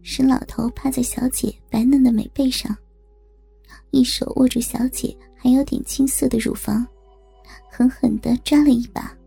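A woman reading scripted story narration in a soft, breathy, creaky voice. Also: high-pitched, fairly even intonation, moderate pace, faint music behind.

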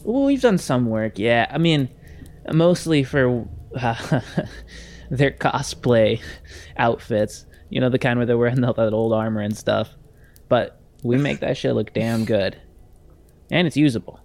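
A man's voice: medium pitch, darkish tone, natural voice. Man voicing a touchy young shopkeeper. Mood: boastful. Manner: chatty, defensive salesman patter with quick retorts. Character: young male smith's son, touchy haggling shopkeeper.

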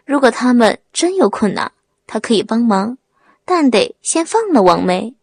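Casting: woman voicing a young village man, timid act hiding cunning, husky, dry audiobook sound. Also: fairly high pitch, sing-song, normal speed, dry recording, exaggerated voice. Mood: meek. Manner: timid stammering act, cold when angry.

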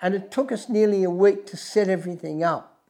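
An Australian man presenting as a wildlife host, telling adventure stories in a deliberate, emphatic, dramatic way, with music behind him. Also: high voice, steady tone, warm tone.

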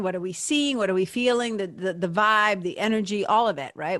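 A woman's voice: medium pitch, dry recording, studio quality. A woman podcast host and spiritual mentor talking informally and conversationally to listeners, repeating words for emphasis and checking in with them. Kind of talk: casual solo podcast talk.

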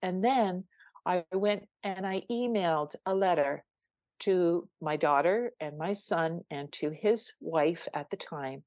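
A woman's voice: on the low side, slow, darkish tone, no room sound, clean studio sound. An older woman, a spiritual coach, telling a personal story on a podcast in an earnest, emphatic way, with frequent restarts.

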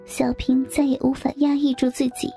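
A woman reading a scripted story aloud in a soft, half-whispered voice. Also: sits high, flat delivery, moderate pace, creaky, soft background music.

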